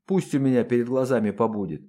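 A man's voice: mid-range voice, fast, warm tone, lightly acted. A man voicing a lazy, earthy, plain-spoken empress who drawls in folksy speech for an audiobook. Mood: musing. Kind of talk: audiobook character voice.

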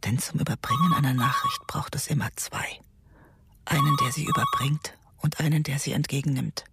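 Anxious middle-aged mother, radio drama, low-pitched, hushed half-whisper, tense, loud music underneath. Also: wildly swooping pitch, moderate pace, heavily acted. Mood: brooding. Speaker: lead character and inner narrator. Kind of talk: German radio drama acting.

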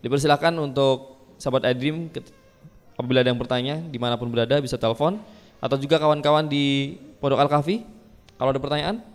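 A man hosts a live AM radio talk show in a conversational style, speaking fast at a medium pitch. He's in a studio with attendees present, and the sound carries a long, reverberant hall quality.

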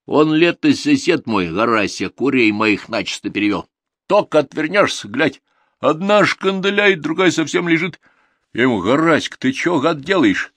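A man's voice: fairly high pitch, lively intonation, moderate pace, fairly bright tone, no room sound, pitched above the performer's own voice. A man doing a sly old peasant grumbler. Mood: grumbling. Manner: folksy rural dialect, lecturing.

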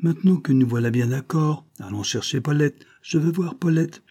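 A man's voice: a little high, expressive, moderate pace, vocal fry, warm tone, breathy edge, voice pushed up, heavily acted. A man voicing a raging villainous count. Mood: eager. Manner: conciliating then furious, demanding. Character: scheming villainous male count, cornered and raging.

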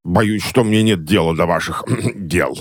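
A man's voice: deep voice, measured pace, breathy edge, no echo, clean studio sound. A man voicing a fat, irritable middle-aged bank clerk who answers curtly and suspiciously.

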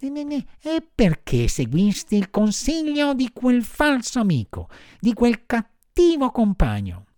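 A man voicing a kind little female marmot in an audiobook, speaking in a soft, sorrowful, consoling way. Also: very high voice, wildly swooping pitch, measured pace, few pauses, dry recording, studio quality, pitched above the performer's own voice, full character voice.

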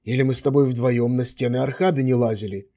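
A man reading an audiobook voices a sorceress with a low, husky voice who gives curt, commanding orders. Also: steady tone, fast, dark tone, close to an everyday voice. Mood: brisk commanding.

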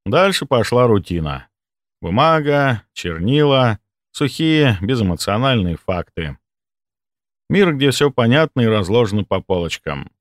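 A man reading a first-person audiobook in a dry, ironic tone. His pitch moves lively up and down. The recording is close and dry. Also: a little slow, dry recording. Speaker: audiobook narrator.

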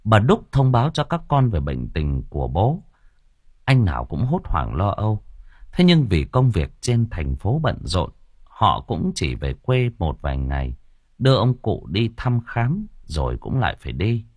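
A man narrating an audio story with a dramatic, expressive storytelling manner. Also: fairly low pitch, a little slow, slightly rough, no room sound, studio quality.

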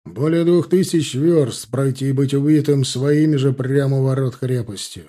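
A man's voice: medium pitch, fairly even intonation, normal speed, mellow, natural voice. A man doing a grumbling army captain. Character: grumbling male staff captain.

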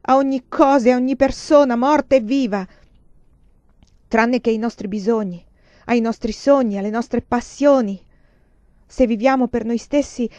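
A woman's voice: on the high side, dark tone, dry recording, muffled recording, pitched above the performer's own voice, lightly acted. A woman reading the part of a frustrated young Chinese man who pleads and protests with rising force. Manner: rising, pleading and indignant outbursts.

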